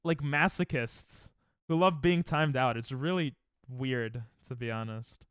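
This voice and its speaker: A man streaming a game trades sarcastic jokes with his chat in casual banter. His medium-pitched voice is smooth and fairly bright, paced measuredly, captured dry at studio quality.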